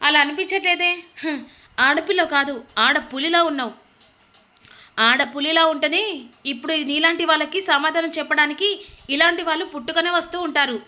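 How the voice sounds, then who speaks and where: A woman voicing an arrogant, quick-tempered young man who shouts and scolds in a recapped TV story. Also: high voice. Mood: angry.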